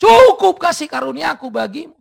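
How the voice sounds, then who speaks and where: A male preacher voicing God answering a plea, firm and booming in a raised voice. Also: big pitch swings, normal speed, creaky, full character voice.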